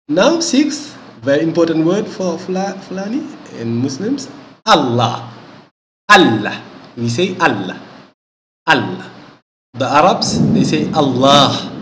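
A man's voice: mid-range voice, slight background noise. Man teaching words in an echoey room. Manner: repeats each word slowly, with many "okay?" checks. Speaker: language teacher. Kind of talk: vocabulary lesson. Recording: echoey room with faint ambience.

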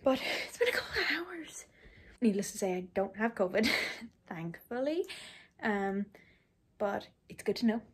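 This young woman's rambling vlog begins while she drives and continues at home, packed with fillers and casual chat. She speaks a little slowly in a husky, mid-range voice with big pitch swings.

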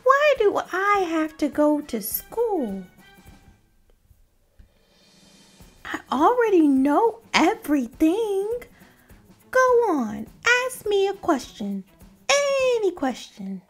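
A woman voices a whiny young cartoon pigeon in a children's storybook read-aloud, fretting dramatically with indignant, boastful flair. Her voice is extremely high, stretching words out very slowly and exclaiming theatrically in a very animated, heavily acted way. Music is clearly audible behind her.

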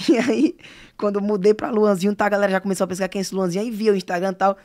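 A man's voice: high-pitched, rapid-fire. Young man telling stories. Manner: animated storyteller, filler-heavy. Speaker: singer, podcast guest. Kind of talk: casual interview chat.

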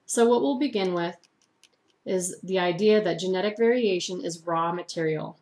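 A woman's voice: on the low side, moderate pace, a little mellow. A woman teacher giving a recorded lecture, reading largely from her own typed notes in an explanatory way.

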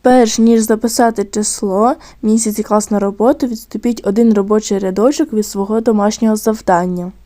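Slow, careful woman teacher with mellow tone. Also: mid-range voice, fairly even intonation. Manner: slow, careful dictation with stressed syllables drawn out. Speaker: primary school teacher. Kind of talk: recorded online lesson for children.

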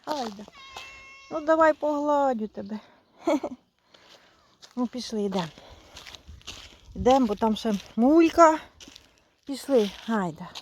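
A woman's voice: on the high side, expressive, a little slow, pauses often, a little hiss or hum. A woman in a casual vlog, cooing and baby-talking to her cats outdoors while filming on a handheld phone. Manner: coos and baby-talks to cats. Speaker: vlogger. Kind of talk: casual vlog feeding pets.

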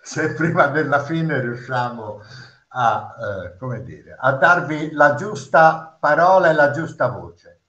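A man's voice: a little high, slow, a bit bright. A man in his sixties hosting a live online panel in an informal, jovial and encouraging way. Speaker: panel host. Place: room with bookshelves. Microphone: computer mic on a video call. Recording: echoey, dull video-call audio.

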